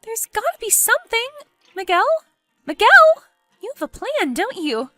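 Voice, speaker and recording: A woman voicing an excitable, pushy young woman friend in an animated story, exclaiming and goading. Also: very high voice, moderate pace, dry recording, soft background music, pitched above the performer's own voice, exaggerated voice. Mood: worried.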